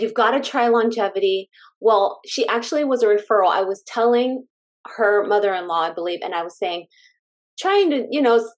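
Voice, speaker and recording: A woman from California, a stay-at-home mom, talking as a guest in a casual interview, heartfelt and enthusiastic with frequent laughs. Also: medium pitch.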